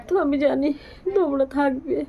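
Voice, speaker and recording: A woman vlogger talking heartfelt and casually to her viewers, with a sore, strained throat, pausing often as she speaks, seated indoors. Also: high voice, steady tone, gravelly, a crowd in the background. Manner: speaks haltingly with pauses. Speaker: daily vlogger. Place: indoors, seated leaning back.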